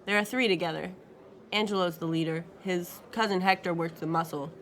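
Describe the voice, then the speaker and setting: A woman's voice: fairly low pitch, fairly even intonation, fairly quick, a little hiss or hum, natural voice. Woman voicing an affectionate old thief father. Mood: confident. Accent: Spanish. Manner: affectionate, teasing, confident. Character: aging male career thief, warm doting father.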